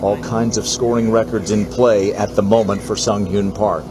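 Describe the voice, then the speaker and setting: A man's voice: on the low side, little pitch movement, moderate pace. A man working as lead golf commentator, announcing scores and handing between holes. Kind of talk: live golf tournament commentary.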